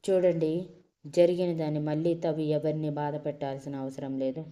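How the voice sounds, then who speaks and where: Woman doing a serious young man, measured, steady, low warm voice. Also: lightly acted. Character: calm serious young man, family peacemaker.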